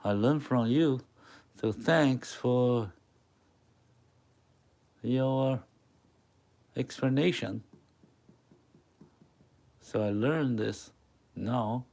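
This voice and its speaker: Teaching chalkboard drawing live, a man whose native language is Mandarin Chinese speaks accented English, pausing and searching for the right words. He's an art teacher with a mid-range, slightly mellow voice.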